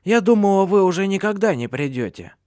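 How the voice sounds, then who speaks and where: A man's voice: high voice, animated, fairly quick, no room sound, studio quality, pitched above the performer's own voice. A man voicing an ancient bedridden witch, an old woman who talks sharply and scornfully in an audiobook. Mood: scolding. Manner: sharp, scolding, imperious. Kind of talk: audiobook character voice.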